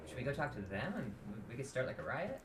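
A man's voice: mid-range voice, big pitch swings, fast. Offhand young man at a game table. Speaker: player. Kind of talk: casual chat at a game table. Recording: clear background noise.

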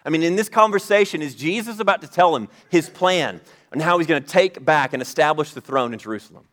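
A man's voice: fairly high pitch, lively intonation, fast, a bit bright. A man, a pastor, preaching a sermon in a conversational style, rising emphatically at key points.

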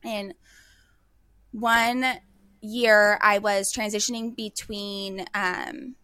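Young woman podcast guest, bright tense voice, dry close sound, chatty "like"-filled delivery. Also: mid-range voice, fairly even intonation, extremely slow, clean tone, no room sound. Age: young adult. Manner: chatty, peppered with "like". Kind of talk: casual podcast storytelling.

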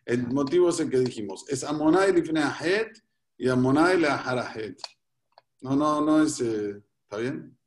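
A man's voice: medium pitch, normal speed. Male rabbi teaching, patient and explanatory, repeats phrases for emphasis. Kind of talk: religious teaching in a talk.

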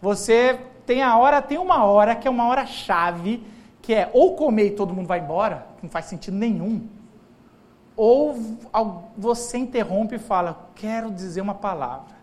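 A man's voice: sits high, normal speed. A man preaching a sermon as pastor, telling humorous stories in a loose, conversational way and acting out the people he quotes. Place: church hall.

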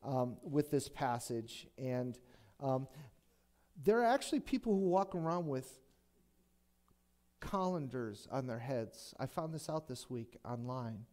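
A man's voice: mid-range voice, lively intonation, unhurried, a little mellow. Folksy, conversational male pastor. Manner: conversational and folksy, with frequent restarts. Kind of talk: sermon.

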